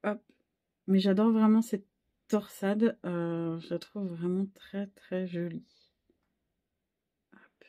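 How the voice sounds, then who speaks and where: A woman in her thirties chatting casually in a knitting vlog, a little hoarse, rambling and self-deprecating, full of fillers and restarts. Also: mid-range voice, little pitch movement, slow pace, long pauses, mellow, muffled recording. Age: 30s. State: a bit hoarse, frog in the throat. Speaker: wool dyer and knitting podcaster.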